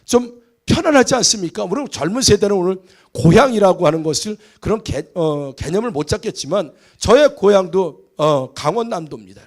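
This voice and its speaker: Male pastor, high voice, animated sermon, humorous anecdotes, church sanctuary. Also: a little fast. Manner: animated storytelling, mimics voices in jokes.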